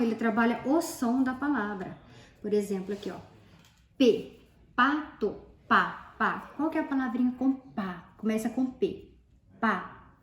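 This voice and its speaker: A woman's voice: medium pitch, warm tone. A woman, a tutor explaining methods casually while showing worksheets and pointing things out. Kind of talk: casual teaching demonstration. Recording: echoey room, faint background.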